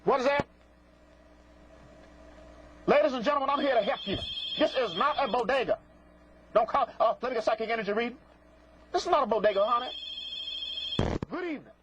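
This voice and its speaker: A very high-pitched, animated man hosts a live TV psychic phone-in, speaking briskly but with long pauses. Facing prank callers, he's theatrical, sassy and scolding, leaning on folksy colloquialisms and pet catchphrases, all in a muffled, noisy lo-fi broadcast with clicks.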